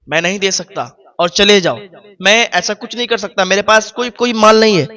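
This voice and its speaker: A stern male judge waves off a plea with short, clipped refusals, voiced by a storyteller. His voice sits high for a man but is kept flat and cool. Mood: dismissive. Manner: curt and brushing off.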